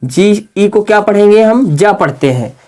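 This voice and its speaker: A man with a fairly high voice teaches a casual video lesson. He keeps asking his viewers questions and answering them himself, and he draws words out slowly as he spells them. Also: lively intonation, darkish tone. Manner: slow, drawn-out spelling aloud.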